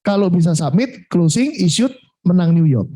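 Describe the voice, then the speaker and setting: A man giving a coaching talk to insurance agents, lively, mixing in English words and acting out what clients say. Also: high voice, normal speed. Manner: lively, mixes in Javanese and English words, acts out client replies. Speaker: sales coach.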